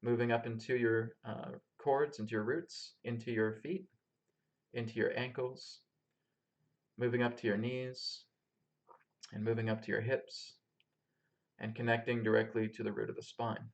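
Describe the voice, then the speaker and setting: A man calmly leading a guided grounding meditation as a spiritual teacher, giving step-by-step instructions to listeners. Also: medium pitch, unhurried, long pauses. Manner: calm, instructing listeners step by step through breathing. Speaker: spiritual teacher and healer leading a live session.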